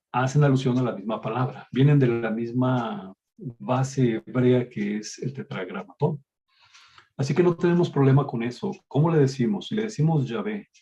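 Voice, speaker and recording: A man's voice: medium pitch, mellow. Mexican man teaching a Bible class. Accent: Mexican Spanish. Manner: explanatory, addresses listeners as brothers. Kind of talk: online Bible class lecture. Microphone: video call. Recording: dull lo-fi video call audio.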